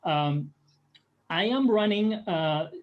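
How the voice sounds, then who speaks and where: A man's voice: sits high, lively intonation, slow pace, muffled recording. A man from Syria, giving a heartfelt campaign statement with uh fillers. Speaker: political candidate.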